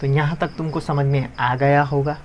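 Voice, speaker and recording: A man's voice: fairly high pitch, level tone, normal speed, dull audio, a little hiss or hum. A young man teaching a lesson in a conversational, classroom style. He asks questions and answers them himself, repeating the key terms.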